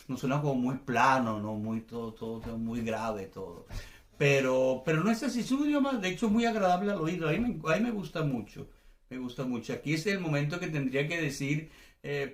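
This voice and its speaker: A man teaching an informal language lesson, talking loosely and filling gaps with hesitations. He acts out examples with exaggerated intonation. His voice carries a noticeable room echo at a middling pitch. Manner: chatty, many fillers and restarts, exaggerated examples. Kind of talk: casual online language class.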